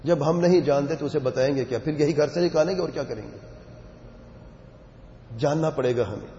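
A man's voice: fairly high pitch, dark tone, slight background noise. Emphatic male preacher in an echoey hall. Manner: emphatic, rhetorical questions to listeners. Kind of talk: sermon. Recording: echoey hall, dull lo-fi sound.

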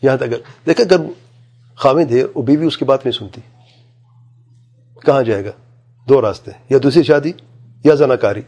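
A man's voice: medium pitch, pauses often, darkish tone. A man, an Islamic scholar, answering a question in an emphatic religious lecture, reciting Arabic verses and asking rhetorical questions.

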